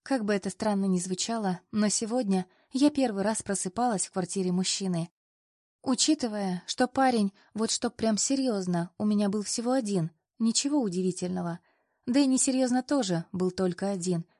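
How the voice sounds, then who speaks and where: A woman narrating a novel in the first person, with a lively and expressive reading. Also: mid-range voice, moderate pace, dry recording, clean studio sound. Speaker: audiobook narrator.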